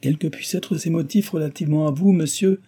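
A man's voice: on the high side, fairly quick, mellow, husky, voice pushed up. A man voicing a proud young woman who answers with firm indignation and reproach. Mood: indignant.

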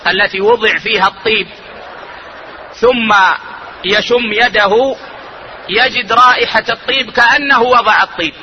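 A man who is an Islamic scholar, giving a religious lesson on jurisprudence in a measured, deliberate way and slowing down to stress key points. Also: sits high, pushed and bright, slight background noise, poor audio.

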